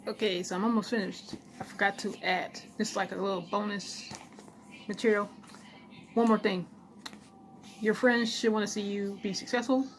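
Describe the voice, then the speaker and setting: A woman vlogs straight to her camera in a casual, blunt way. She speaks at an ordinary middle pitch and gives frank encouragement, stopping now and then to chew. A light room hiss sits under her voice. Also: fairly even intonation, normal speed, long pauses, poor audio. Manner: blunt, encouraging, eats while talking. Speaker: vlogger.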